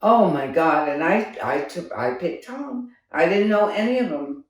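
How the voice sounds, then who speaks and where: An older woman reminisces about the theater, laughing often as she tells her stories. Her voice swings widely in pitch and she takes her time. She sounds set back from the mic in a very echoey room. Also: unhurried, far from the mic, muffled recording. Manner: animated storyteller, laughs often, exclaims "oh my God". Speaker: theater director recalling past productions. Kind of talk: casual reminiscing chat.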